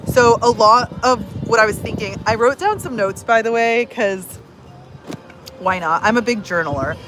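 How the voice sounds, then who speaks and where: A personal growth coach in her thirties chats casually to camera, using lots of fillers and reading comments aloud. Her voice is a little high at normal speed, over music in a rough recording.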